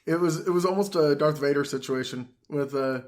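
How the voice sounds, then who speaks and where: A man co-hosting a comedic movie podcast, dropping dry, deadpan absurd jokes. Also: a little high, fairly quick. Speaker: podcast co-host.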